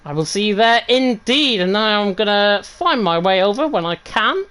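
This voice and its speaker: A woman's voice: mid-range voice, expressive, normal speed, a bit bright, low-quality recording. A woman commentating live on an online racing league, chatty and upbeat as she runs through the results. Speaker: race commentator. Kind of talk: live esports race commentary.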